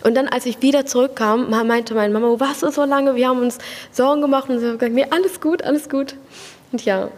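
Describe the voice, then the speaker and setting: A young woman from Afghanistan gives earnest, thoughtful answers in a slightly high voice, with fillers here and there. Her voice rings with a long echo in the room. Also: fairly even intonation, fast, darkish tone. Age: young adult. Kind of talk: casual interview answers.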